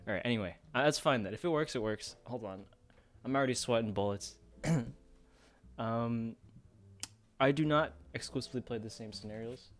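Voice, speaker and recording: A streamer chats casually and informally while he games on a livestream, poking fun at himself as he goes. His voice is medium in pitch and he talks at a normal speed.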